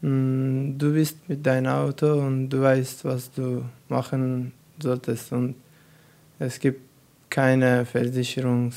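Slow, monotone teenage boy from Afghanistan. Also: mid-range voice, creaky. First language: not German. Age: teens. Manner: halting, searching for words. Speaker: guest. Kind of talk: youth radio discussion.

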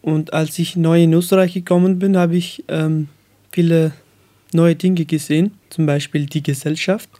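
Young guy from afghanistan on the radio, slow and hesitant, flat mellow voice. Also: on the high side. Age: young adult. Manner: hesitant, searching for words, many fillers. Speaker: guest. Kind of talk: radio interview.

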